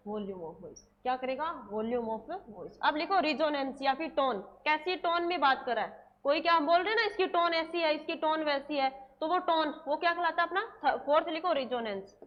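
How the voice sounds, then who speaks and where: In a dull-sounding recording, a high-voiced woman coaching nursing exam students dictates notes during a classroom lecture. She drills them with repeated questions and answers, slowing way down to give English terms one word at a time.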